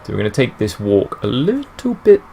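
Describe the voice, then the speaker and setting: A man's voice: fairly low pitch, huge pitch swings, fairly quick, gravelly, dark tone, slight background noise. A man hosting a let's play, rambling through enthusiastic fan commentary. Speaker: gaming channel host.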